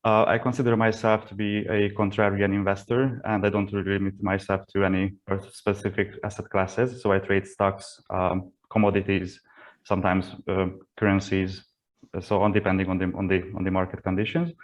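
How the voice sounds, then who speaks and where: A man from Hungary introducing himself on a video call with earphones, calm and measured. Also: low-pitched. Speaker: panel guest. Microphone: earphone headset on video call.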